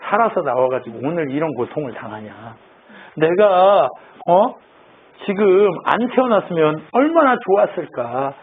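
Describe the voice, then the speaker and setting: A man's voice: a little high, sing-song, unhurried, husky, full character voice. A preacher voicing a man in anguish. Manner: anguished rhetorical questions. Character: suffering man cursing his own birth. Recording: tinny phone-like sound.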